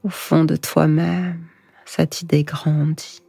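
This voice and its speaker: A woman guiding sleep hypnosis in a hushed, breathy, soothing voice, slow and whispered right in the listener's ear. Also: deep voice, flat delivery. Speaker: hypnosis guide. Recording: echoing voice over music. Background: music.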